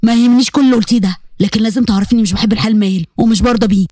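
A woman's voice: fairly high pitch, steady tone, rapid-fire, mellow, no echo, clean studio sound, voice pushed down, close to an everyday voice. A woman voicing a curt, strict young male lecturer with an Egyptian Arabic accent. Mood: stern. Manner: curt, stern.

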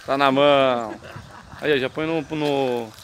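A man's voice: mid-range voice, fairly even intonation, unhurried, a bit bright. Brazilian male vlog host, teasing banter while fishing, noisy outdoor sound. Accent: Brazilian Portuguese. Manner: chatty, teasing, gives pointers. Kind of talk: casual chat while fishing. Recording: noisy outdoor camera audio.

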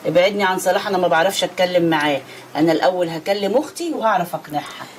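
An actress playing a firm, practical Egyptian aunt in a TV drama, with an Egyptian Arabic accent. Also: female voice, fairly low pitch, lively intonation, rapid-fire, a little hiss or hum, natural voice.

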